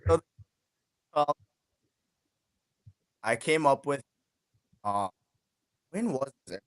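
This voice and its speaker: A man talking casually and haltingly with many fillers over a remote call connection that keeps fading in and out. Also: a little high, sing-song, a bit bright, dry recording. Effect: choppy remote call connection that fades in and out. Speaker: guest on a live stream. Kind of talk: casual chat.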